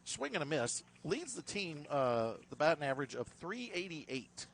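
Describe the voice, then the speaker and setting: A man's voice: fairly high pitch, moderate pace. Male baseball play-by-play caller, upbeat, chatty banter, faint outdoor hum behind. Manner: lively, rises sharply on big plays; chatty, laughs with his partner. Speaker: play-by-play announcer. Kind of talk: baseball commentary.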